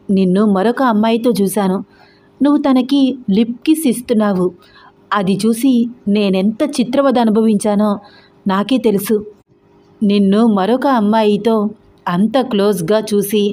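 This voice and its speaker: A woman's voice: mid-range voice, warm tone, lightly acted. A woman doing a hurt, scolding young wife. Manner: reproachful, firm.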